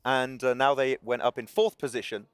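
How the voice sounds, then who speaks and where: Fast-talking man breaking down plays. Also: mid-range voice, smooth, dry recording. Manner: energetic, quick tactical breakdowns. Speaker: esports analyst. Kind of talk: analyst desk discussion. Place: broadcast studio.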